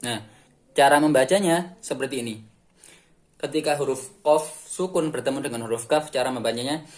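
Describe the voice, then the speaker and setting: A man giving a recitation lesson, explaining the rules in plain speech and chanting the examples slowly, trailing off softly at the ends of phrases. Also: medium pitch. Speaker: Quran recitation teacher.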